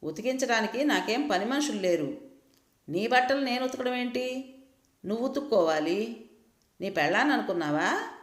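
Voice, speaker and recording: A woman voicing a sharp-tongued, defiant young woman who answers with cutting scolds. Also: fairly high pitch, lively intonation, moderate pace, long pauses, pitched above the performer's own voice, natural voice. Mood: scornful. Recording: roomy echo.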